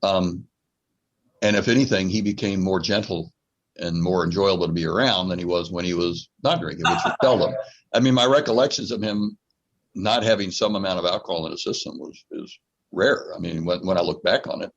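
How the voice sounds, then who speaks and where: A man speaking in a measured, thoughtful way in a reflective podcast conversation. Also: sits low. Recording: dull lo-fi audio.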